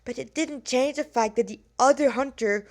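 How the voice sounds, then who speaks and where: A fan fiction writer with a high, slightly mellow voice reads her own story informally, like an amateur. She halts, stumbles over words and quickly corrects herself, slipping between narration and her own casual remarks.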